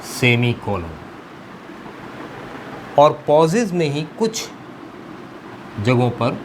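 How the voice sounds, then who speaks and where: Male teacher, slow measured explainer, mid-pitched voice, noisy room with AC hum. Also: big pitch swings. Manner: slow, deliberate teaching with mixed Hindi-Urdu and English. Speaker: English teacher. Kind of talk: explanatory lesson.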